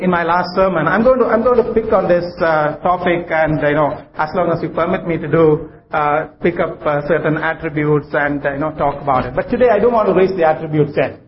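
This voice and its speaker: Male preacher, South Indian accent, slightly high voice, halting and repetitive delivery, dull live church recording with some noise. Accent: South Indian English. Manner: halting, repeats phrases for emphasis. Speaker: guest preacher. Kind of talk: sermon. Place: church service. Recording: muffled, noisy live recording.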